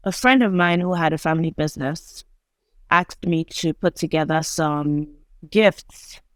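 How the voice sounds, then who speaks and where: A woman from Nigeria, a guest on a video call, telling her story in a relaxed, chatty way. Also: on the low side, clear, resonant tone, dry recording, clean studio sound. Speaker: guest entrepreneur. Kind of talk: casual interview.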